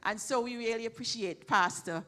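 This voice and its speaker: A woman's voice: on the high side, normal speed, fairly bright tone. A woman leading church announcements, thanking helpers in a chatty way with many restarts. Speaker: church program leader. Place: church hall.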